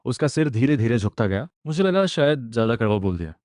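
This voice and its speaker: A man telling a comic's story in the first person, his voice sitting at an ordinary middle pitch. The delivery is an emotional storyteller's retelling. The sound is dry and close, with no echo. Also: sing-song, fast talker, darkish tone. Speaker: narrator.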